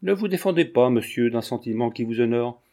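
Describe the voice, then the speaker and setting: Haughty foreign countess, cool and poised, raised lighter voice, mellow tone, as a male narrator puts her on. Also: mid-range voice, lively intonation, lightly acted. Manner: cool, measured, dismissive.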